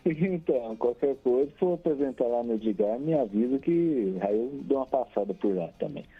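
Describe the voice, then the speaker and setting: Calling a radio show from Brazil, a man speaks at a medium pitch, expressive and unhurried, his voice a little rough. The crackly phone line keeps breaking up, sounding tinny with faint music underneath. He chats cheerfully, laughs frequently and runs through long lists of names as casual shout-outs.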